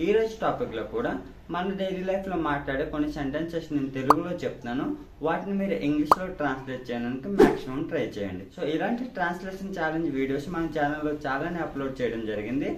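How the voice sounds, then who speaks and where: Lively Indian teacher in an echoey room. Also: male voice, fairly high pitch, very noisy. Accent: Indian English, Telugu. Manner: says each sentence in Telugu fast, then repeats the English slowly. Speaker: English teacher. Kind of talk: language lesson, reading sentences.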